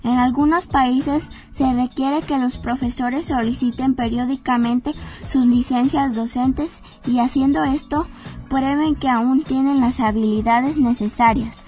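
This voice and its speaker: A woman reporter reading a scripted news report in a steady delivery. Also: sits high, a little slow, faint music behind. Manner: steady, read-aloud delivery.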